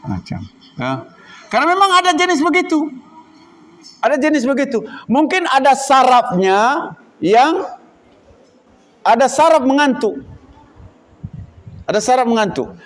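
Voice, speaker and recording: A man who leads an Indonesian boarding school, giving a religious lecture to students and acting out examples, at times loud, at times hushed. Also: very high-pitched, unhurried, pauses often. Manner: animated, acts out examples, shifts between loud and hushed. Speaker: Islamic boarding school leader.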